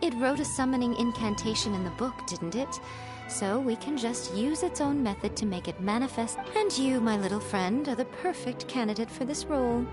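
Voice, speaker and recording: Woman doing a sly teasing fox lady from a game, bit high, music behind. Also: lively intonation, moderate pace, lightly acted. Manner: teasing, amused, laughs softly. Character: sly, playful female fox-spirit priestess.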